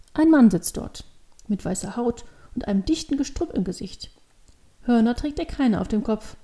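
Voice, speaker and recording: Woman reading a children's story aloud, measured and expressive, with a warm, mellow tone and a fairly high voice. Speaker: narrator.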